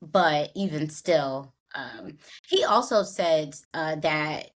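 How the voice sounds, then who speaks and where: A woman's voice: low voice, slow. A woman co-hosting a podcast, recapping a reality show in casual chat and acting out what people said. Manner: recounts scenes, acts out quotes. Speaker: podcast co-host.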